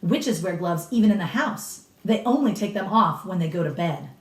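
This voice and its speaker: A woman plays a blunt, authoritative, cigar-smoking grandmother in a storybook read-aloud, relishing grisly witch lore as she explains with emphatic gusto and a snappish edge. Her voice is on the low side, with lively intonation and a moderate pace, and she sounds instructive and emphatic. The recording is roomy and echoey, from a distant microphone.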